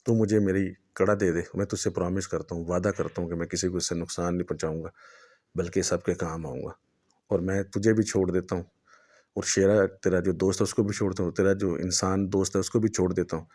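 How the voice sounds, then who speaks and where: A man's voice: sits low, level tone, dark tone. A man voicing a cunning male sorcerer who talks in a wheedling, persuasive way. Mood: pleading.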